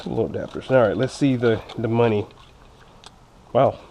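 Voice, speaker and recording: A man's voice: medium pitch, fairly even intonation, moderate pace, mellow, dull audio. A man speaking with braces on, giving a chatty, jokey, informal unboxing review as a vlogger. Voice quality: slightly impeded speech from wearing braces. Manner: jokey, informal, chatty, self-teasing asides. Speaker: motorcycle vlogger reviewing gear. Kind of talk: casual unboxing review chat. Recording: clear background noise with clicks.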